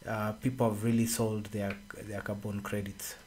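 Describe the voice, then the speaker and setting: A man, co-hosting a radio discussion and explaining at an unhurried pace with pauses and fillers, speaking into a studio microphone. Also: fairly low pitch, flat delivery, a little mellow, slight background noise. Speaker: radio co-host. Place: radio studio with red walls. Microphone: studio boom mic.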